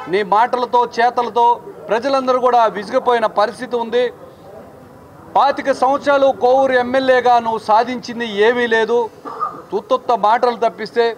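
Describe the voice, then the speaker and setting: High-voiced combative political speaker, man. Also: slight background noise. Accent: Telugu. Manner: combative, scolding. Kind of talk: political statement to press.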